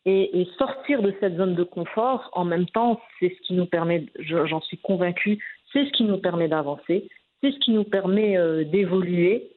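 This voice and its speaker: This is a woman in her forties, a guest in a conversational interview, with a fairly low voice at a moderate pace. She sounds hesitant, full of fillers and restarts, and the audio is narrow-band like a phone line.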